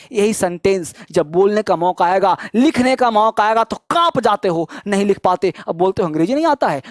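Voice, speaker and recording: A man's voice: very high voice, no echo, clean studio sound. A man teaching a spoken English lesson, urging learners on and drilling example sentences in rhythmic repetition. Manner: slows to a deliberate, syllable-by-syllable pace when modelling sentences. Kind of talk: energetic online grammar lesson with call-and-response drills.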